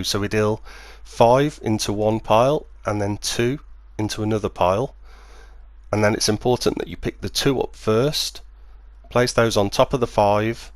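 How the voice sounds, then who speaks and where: Low-voiced man presenting a card trick, dry sound. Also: no room sound. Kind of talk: instructional demonstration, patter and explanation.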